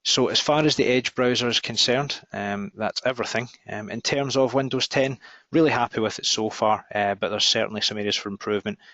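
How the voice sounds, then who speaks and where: A man with a Glaswegian Scottish accent giving an informal software demo, speaking in a halting way with frequent ums. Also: lowish voice. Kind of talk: informal screen demo narration. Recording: dull, roomy lo-fi recording.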